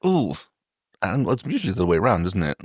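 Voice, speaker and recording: A man's voice: low-pitched, big pitch swings, a little fast, husky, dry recording, clean studio sound. A man co-hosting a podcast, easygoing and chuckling as he chats and reads a story aloud. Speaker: podcast co-host. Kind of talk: casual chat and story reading.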